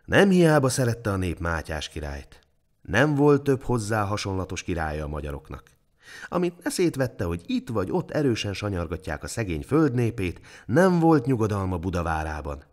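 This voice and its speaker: Man, scripted storybook narration, old-fashioned folk-tale telling, low voice, lively rises and falls.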